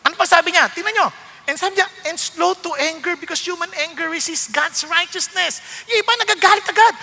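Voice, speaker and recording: A Filipino-accented man preaching a sermon as pastor, mixing Tagalog and English, moving from quiet reflection to loud rebuke. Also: very high voice, fairly quick, vocal fry, big-room sound.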